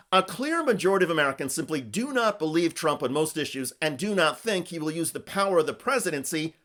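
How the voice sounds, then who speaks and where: A man's voice: on the high side, a bit bright. A man hosting a scripted political news commentary with an emphatic, punchy delivery.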